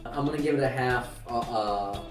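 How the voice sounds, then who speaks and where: A man co-hosting a podcast, chatting casually and excitedly about a movie. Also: mid-range voice, moderate pace, over music. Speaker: podcast co-host. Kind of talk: casual movie review chat. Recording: echoey, distant from mic.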